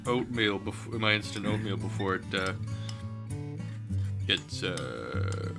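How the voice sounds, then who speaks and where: A man's voice: low-pitched, big pitch swings, takes it slowly, creaky. A man hosting a casual podcast chat, dry and teasing. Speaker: podcast host. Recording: faint intro music looping behind.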